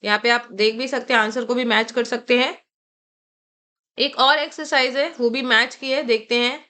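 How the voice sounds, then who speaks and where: A woman's voice: a little high, fairly even intonation, pushed and bright. An Indian woman teaching a vocabulary lesson, explaining and repeating each word carefully. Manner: explains word by word, slowly spelling and repeating terms.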